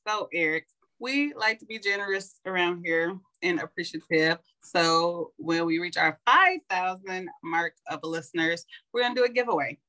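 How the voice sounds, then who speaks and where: A woman's voice: on the low side, expressive, moderate pace, bright, forceful tone, poor audio. A woman podcast co-host, chatting in a playful, teasing way. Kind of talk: casual chat.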